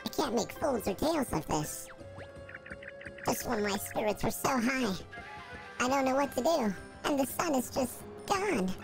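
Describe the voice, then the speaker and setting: A gamer reading a cheerful young origami girl companion's lines through a voice changer that pitches his voice up, bubbly and sing-song. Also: big pitch swings, measured pace, creaky, over music, heavily acted, rough recording. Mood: excited. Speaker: let's play gamer reading a character's lines.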